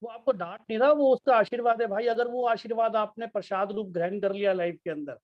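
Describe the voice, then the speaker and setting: A man telling a story during a casual panel chat, acting out the quoted voices with lively energy. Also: sits high, a little fast. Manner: animated, acts out quoted voices. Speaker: webinar co-presenter. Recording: dull dry sound.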